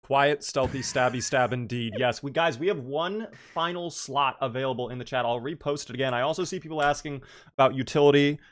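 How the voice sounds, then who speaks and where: A man's voice: medium pitch, fast. A man hosting casual esports commentary, chatty and joking as he banters. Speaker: esports match host and commentator.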